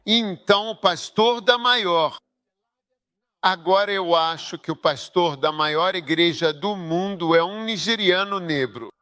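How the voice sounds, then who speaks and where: A man's voice: high voice, bright, forceful tone, clean tone, no echo, studio quality. A man preaching a sermon in voice-over, emphatic and full of rhetorical questions to his audience.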